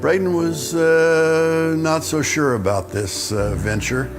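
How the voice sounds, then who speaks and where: Man, mentor, gravelly, halting, many pauses, music under interview. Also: on the high side. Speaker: volunteer mentor. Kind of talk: interview for a charity video. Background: background music.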